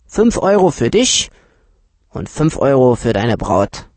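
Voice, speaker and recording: A man voicing a shrewd, stingy middle-aged junk-dealer uncle with a pitched-up, drawn-out way of haggling. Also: big pitch swings, darkish tone, dry recording.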